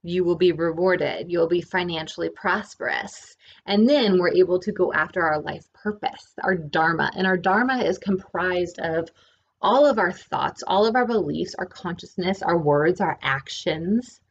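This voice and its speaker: A woman's voice: fairly low pitch, a little slow, highs cut off. A woman giving a casual spiritual lesson, often checking in with "right?". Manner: relaxed, often adds "right?". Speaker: spiritual teacher.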